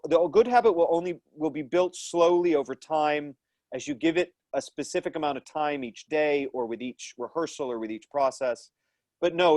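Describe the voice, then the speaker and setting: A man in his thirties with a darkish, mid-range voice teaches a live online acting class with Q&A from a small room at home. He talks into an earphone headset mic on a video call, with no room sound. Thoughtful yet full of restarts and fillers, he uses his hands as he explains.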